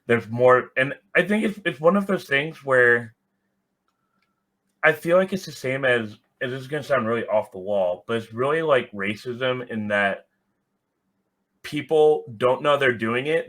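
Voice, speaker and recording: A man with a medium-pitched, fairly bright voice speaks unhurriedly as a podcast guest. He gives casual, reflective explanations in conversational interview answers, checking that he's being understood.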